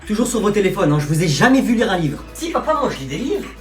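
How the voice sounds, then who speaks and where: Woman as angry sarcastic dad, lively loud scolding. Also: medium pitch, fast talker, soft background music, lightly acted. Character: strict shouting father of teenagers.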